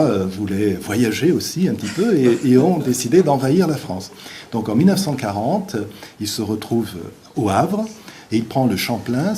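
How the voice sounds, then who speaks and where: A middle-aged man, a visiting professor, giving an academic lecture in a halting, hesitant way with dry, wry asides. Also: medium pitch, warm tone, slight background noise. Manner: hesitant, halting delivery with many pauses.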